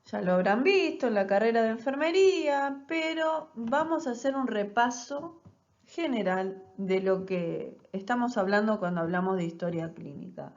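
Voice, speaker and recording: A woman's voice: fairly high pitch, animated, moderate pace, a little mellow. Woman, nursing lecturer, explanatory, rhetorical check-ins, muffled lo-fi audio. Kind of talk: recorded online class.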